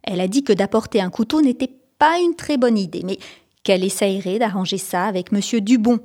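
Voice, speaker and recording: A woman narrating a children's storybook, lively, raising her voice for the characters' lines. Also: medium pitch, fairly quick. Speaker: audiobook reader.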